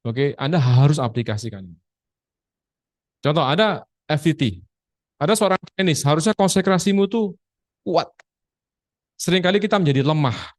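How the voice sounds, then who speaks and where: A male Bible teacher with an Indonesian accent, speaking over a video call with a lively, swinging pitch. He exhorts his listeners and bursts into loud commanding declarations. The sound is dry and close. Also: moderate pace, long pauses, dry recording. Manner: exhorting, mixes English quotes into Indonesian, demonstrates commands loudly.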